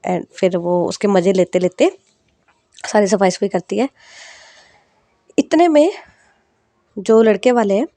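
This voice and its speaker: A woman's voice: medium pitch, mellow, no room sound. Woman, casual storyteller; dry, close sound. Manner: chatty, loose retelling with fillers.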